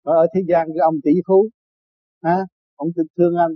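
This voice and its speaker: A man's voice: a little high, little pitch movement, moderate pace, muffled recording. An older man from Vietnam giving an informal spiritual talk, telling stories with frequent laughter and acting out the voices of others. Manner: storytelling, laughs often, acts out quoted voices. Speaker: spiritual teacher.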